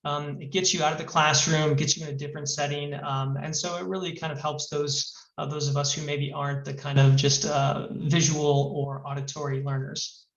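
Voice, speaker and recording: A man's voice: fairly high pitch, level tone, normal speed, few pauses. A man working as a study abroad advisor, giving a webinar presentation with many fillers; his voice sounds hollow and boxy, as if inside a fishbowl. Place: new room with a hard echo. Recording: echoey, distant, muffled mic.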